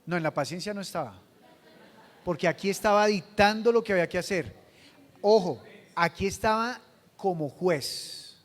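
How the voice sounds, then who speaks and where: A man preaching a sermon as pastor, asking the congregation questions and swinging from hushed to loud. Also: high voice, moderate pace, pauses often, in a large hall. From Colombia.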